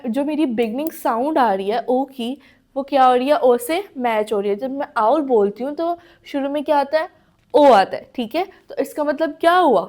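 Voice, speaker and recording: A woman's voice: high voice, darkish tone. A young woman teaching a playgroup English class, patiently asking questions and answering them herself. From Pakistan. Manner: patient, asks and answers her own questions, mixes Hindi-Urdu and English. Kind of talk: recorded classroom lesson.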